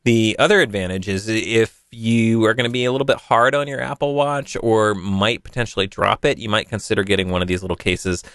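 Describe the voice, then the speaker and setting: A man's voice: fairly low pitch, a little fast, few pauses, fairly bright tone, no room sound, clean studio sound. A man hosting a podcast, chatting casually and rambling a little as he answers a listener. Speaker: podcast host. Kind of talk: casual tech podcast talk.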